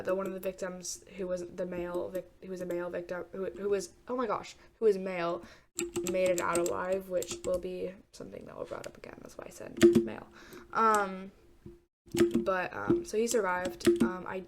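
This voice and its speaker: Heavy background noise and loud keyboard clatter surround this young gamer as she rambles through a true crime story. Her lowish voice stays level at a moderate pace, sounding congested, hesitant, and full of fillers and false starts.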